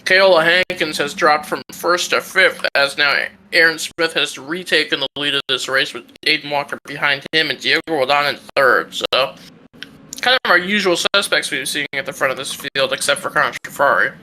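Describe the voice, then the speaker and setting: Sharp, very bright male motorsport commentator. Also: on the high side, moderate pace, a little hiss or hum, low-quality recording. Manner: informal, conversational, joking asides. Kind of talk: casual live motor race commentary.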